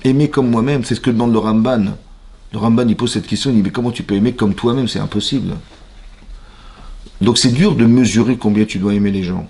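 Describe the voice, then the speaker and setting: Gravelly-voiced French rabbi teaching. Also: male voice, fairly low pitch, brisk. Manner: animated, asks the audience questions, acts out little dialogues. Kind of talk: spoken Torah lesson. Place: synagogue.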